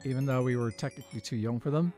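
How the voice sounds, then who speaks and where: A young Irish man streams himself gaming, talking casually and at length and answering chat as he goes. His voice is medium in pitch, dark, and fast. Faint background music can be heard.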